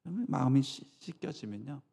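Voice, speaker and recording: A man's voice: mid-range voice, animated, fast, vocal fry, mellow, breathy edge. A male pastor preaching a sermon in a church, emphatic, often tossing rhetorical asides to the congregation.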